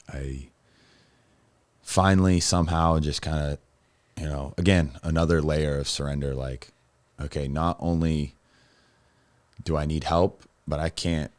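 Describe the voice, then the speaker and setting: Very deep-voiced man telling his story. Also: no room sound. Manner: rambling, halting, with many restarts and fillers. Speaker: podcast guest. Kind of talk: candid personal storytelling.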